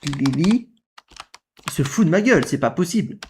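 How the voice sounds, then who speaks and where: A man's voice: a little high, expressive, moderate pace, noisy background. A man reacting to a clip in casual commentary, indignant and repetitive, firing rhetorical questions. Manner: indignant, repeats himself, fires rhetorical questions.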